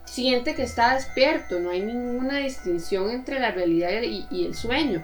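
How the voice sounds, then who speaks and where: Animated Costa Rican woman storyteller. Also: on the high side, moderate pace, faint music behind. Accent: Costa Rican Spanish. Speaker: podcast co-host. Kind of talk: casual chat.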